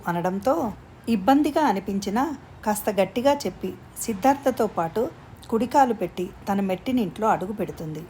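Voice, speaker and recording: A woman's voice: mid-range voice, a little mellow, slight background noise. A woman telling a long family love story aloud, reading every character's lines in her own voice. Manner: reads all parts in her own voice.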